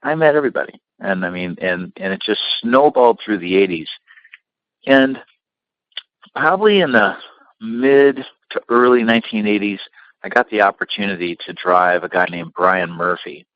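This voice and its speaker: A middle-aged man, founder of a limousine company, telling long anecdotes with lots of fillers in a relaxed interview. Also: on the low side, moderate pace, no echo, dull audio. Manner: rambling anecdotes with many fillers.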